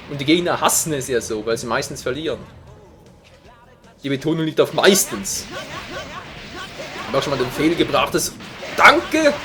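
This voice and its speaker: Excitable high-voiced male gamer. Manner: excitable, jokey, prone to sudden shouts. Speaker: let's play commentator. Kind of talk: live gameplay commentary.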